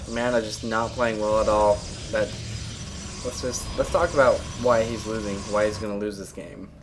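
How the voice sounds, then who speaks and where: A man's voice: on the low side, fairly even intonation, unhurried, background noise. Coughing man casually commentating a game. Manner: chatty, blunt, opinionated. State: coughing and clearing his throat often. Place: at home.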